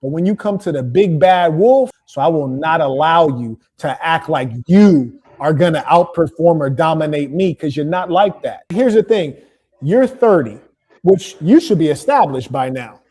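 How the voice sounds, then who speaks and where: A man's voice: fairly high pitch, lively intonation, moderate pace, a little mellow, slightly rough. A man hosting a heated call-in debate. He lectures and dismisses the caller and keeps interrupting him. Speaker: debate show host.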